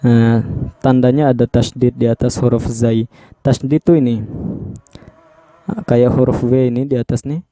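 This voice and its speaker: A man with an Indonesian accent gives a tajwid lesson, reciting verses and then breaking each rule down slowly and repeating the key terms. His voice is very dark and mellow. It is recorded dry and close, with no room sound. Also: mid-range voice, flat delivery, no room sound. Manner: explains patiently, repeats terms, slows to spell out sounds. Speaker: teacher.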